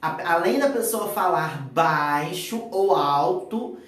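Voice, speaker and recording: A man's voice: high voice, animated, takes it slowly, a bit bright. A Brazilian man with a Brazilian Portuguese accent who mentors public speaking, hosting a live chat and drawing out key words for emphasis. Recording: very echoey room, far from the mic.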